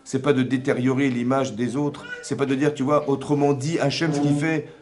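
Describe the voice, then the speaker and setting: A man, a rabbi giving a lively Torah lesson to a women's class, acting out imagined dialogues and often checking with his listeners. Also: mid-range voice, moderate pace. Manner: conversational, asks listeners for assent.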